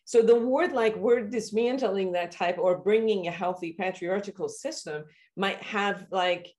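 A woman from Iran, a therapist, hosting a conversational interview and asking long, searching questions, sometimes acting out reactions with sudden high exclamations. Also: a little slow, darkish tone. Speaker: therapist and podcast host.

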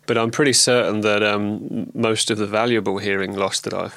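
Low-voiced Englishman rambling with a cold. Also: moderate pace, creaky, no echo. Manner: relaxed, rambling, frequent ums and restarts. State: has a lingering cold. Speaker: vlogger. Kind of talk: casual personal video diary.

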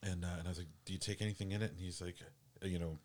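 A man telling a personal story in casual chat, halting and full of restarts. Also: low voice, fairly even intonation, darkish tone, slight background noise.

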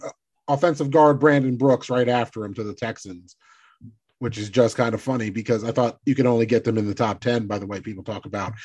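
A man's voice: mid-range voice, a little mellow. A man co-hosting a sports podcast in casual chat, teasing dryly while reading out draft picks. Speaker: podcast co-host.

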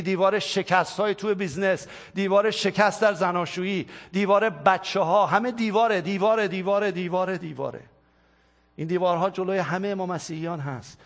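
A man's voice: high voice, a bit bright. A male pastor delivering a sermon and leading a spoken prayer, in an impassioned, repetitive preaching cadence.

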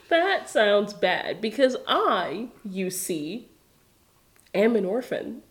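A woman's voice: medium pitch, big pitch swings, drawn-out words. A woman co-hosting a casual chat, giggling and telling the story with animation. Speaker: podcast co-host. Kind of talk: casual chat recapping a film.

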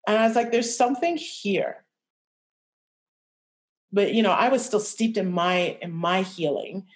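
A young adult woman telling a personal story as a podcast guest, reflective and halting, with many restarts. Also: medium pitch. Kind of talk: candid personal interview.

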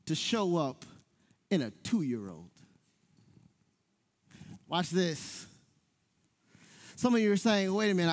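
A man in his thirties, a pastor preaching a sermon, who tells stories with lively delivery and speaks directly to the congregation. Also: high voice, long reverb tail. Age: 30s. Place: church sanctuary.

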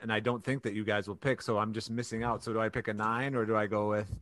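Bright dry-voiced man rambling casually. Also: lowish voice, level tone, fast talker, no room sound. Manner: rambling with many restarts. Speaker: podcast host. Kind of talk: casual podcast chat.

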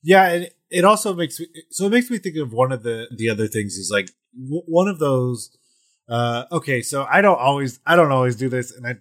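A man's voice: mid-range voice, animated, brisk, fairly bright tone. A man speaking as a podcast host and game master, explaining casually with restarts and emphatic repetition. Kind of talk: casual explanatory chat about tabletop gaming.

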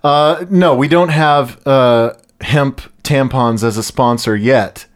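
Casual male podcast host, mid-pitched. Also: slow pace. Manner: loose and jokey, with frequent "uh" fillers. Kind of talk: casual podcast chat and sponsor plugs.

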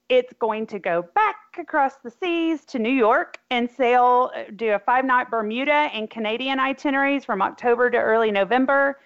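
A woman's voice: a little high, clean tone. A woman with an Arkansas accent co-hosting a casual travel podcast. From Arkansas, USA. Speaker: podcast co-host. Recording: dull lo-fi voice audio.

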